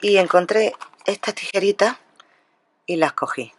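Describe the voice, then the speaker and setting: At medium pitch and a somewhat slow pace, a Spanish woman with a slightly rough voice chats about her craft purchases at a table. She talks right to her audience, restarting sentences a lot, like a typical casual haul vlog.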